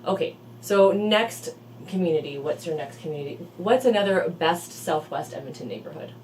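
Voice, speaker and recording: A woman hosts a relaxed interview, talking in a chatty way and asking follow-ups. Her voice sits a little low. She is set back from the microphone, and a faint hiss runs underneath. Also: moderate pace, distant mic, low-quality recording. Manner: chatty, asks follow-up questions. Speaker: real estate video host. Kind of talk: casual interview.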